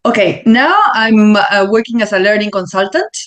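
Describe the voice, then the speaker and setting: A woman with a Uruguayan Spanish accent, a learning consultant being interviewed, speaking English as a second language and pausing to find her words. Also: medium pitch. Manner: thoughtful, searching for words with fillers. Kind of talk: interview answers.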